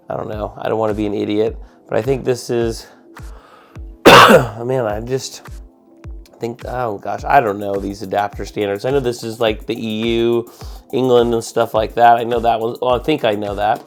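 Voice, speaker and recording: A man's voice: medium pitch, fairly even intonation, normal speed, creaky, a bit bright. A man with a mid-range voice talks like a casual tech vlogger. He sounds sick and a little muffled, yet he is enthusiastic and informal as he rambles along. Music plays behind him. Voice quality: muffled, congested. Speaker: tech video host. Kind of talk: casual rambling vlog, unboxing.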